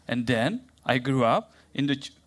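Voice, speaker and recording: A young man with a Czech accent giving a playful, theatrical science talk in a plant's voice, then answering questions in halting English. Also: mid-range voice, lively intonation. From Czech Republic. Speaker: science communication contestant.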